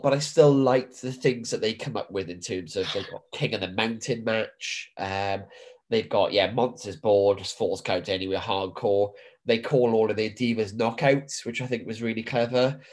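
A man's voice: lowish voice, normal speed. A man co-hosting a podcast in a casual, informal and loosely rambling chat style. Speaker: podcast co-host.

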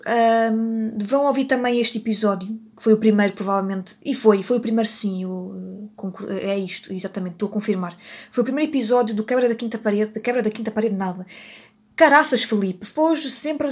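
A Portuguese woman with a European Portuguese accent hosts a solo podcast unscripted, often correcting herself and laughing at her own slips. Her voice is fairly high, a little mellow and husky.

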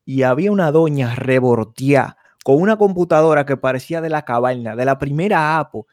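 A man's voice: mid-range voice, a little fast, darkish tone, no room sound. A man, co-hosting a podcast in casual chat and rambling through stories, often checking that listeners follow him. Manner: rambling storyteller, keeps asking "tú me entiendes". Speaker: podcast co-host.

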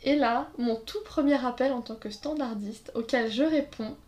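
A woman's voice: fairly high pitch, normal speed, a little mellow. A woman telling casual anecdotes in a chat, acting out quotes and laughing along. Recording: roomy echo.

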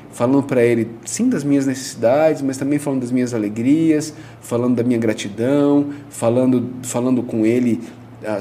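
A man, a pastor explaining in a relaxed conversational way, using everyday examples and frequent tag questions. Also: medium pitch, a little hiss or hum. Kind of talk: conversational teaching on prayer.

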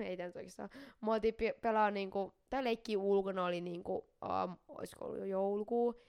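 A woman's voice: mid-range voice, creaky, clean tone. A young woman chatting casually and telling a childhood story, with many fillers and restarts. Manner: animated storyteller, lots of fillers. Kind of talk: casual chat.

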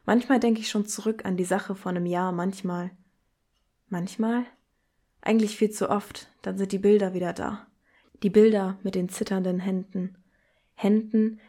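Mellow-voiced young woman reading calmly. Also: medium pitch, normal speed. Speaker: podcast host presenting books. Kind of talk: reading poetry excerpts and book chat.

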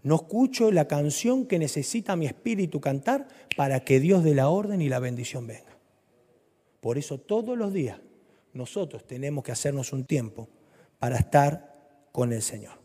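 Animated Rioplatense preacher in a reverberant hall. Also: male voice, on the high side, moderate pace. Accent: Rioplatense Spanish. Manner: animated, swings from loud to soft. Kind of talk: sermon.

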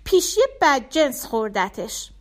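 Casting: a tender storybook mom, read by a woman, soft and reassuring, high voice. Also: big pitch swings. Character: gentle mother soothing her young son.

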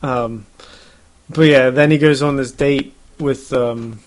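A man's voice: medium pitch, steady tone, takes it slowly. A man casually discussing a movie with a friend, chatty, with frequent laughs and fillers. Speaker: movie review co-host.

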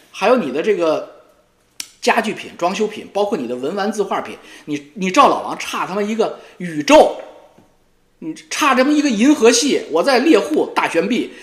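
Taunting, profane man in an echoey room. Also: high-pitched. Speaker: YouTube commentator. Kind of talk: ranting monologue. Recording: roomy echo.

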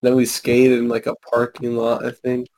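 A man's voice: mid-range voice, monotone, moderate pace, background noise. Laid-back young guy saying bro a lot. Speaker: podcast host. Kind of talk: casual chat.

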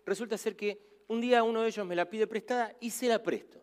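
A man in his fifties, a pastor with a Rioplatense Spanish accent, preaching a sermon and telling stories in an animated way, acting out voices. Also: high-pitched, brisk, clear, resonant tone. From Argentina. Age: 50s. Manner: animated storytelling, acts out voices.

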